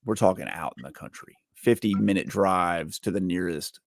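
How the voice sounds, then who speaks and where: A man's voice: low voice, normal speed, vocal fry, dry recording, studio quality. A man, telling stories in casual conversation. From Alabama, United States. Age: 40s.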